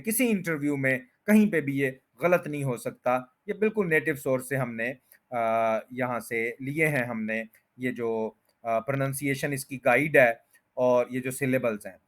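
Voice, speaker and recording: A man teaching English pronunciation, patiently breaking words into syllables and repeating them slowly. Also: mid-range voice. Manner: patient, repetitive drilling. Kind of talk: explanatory language lesson.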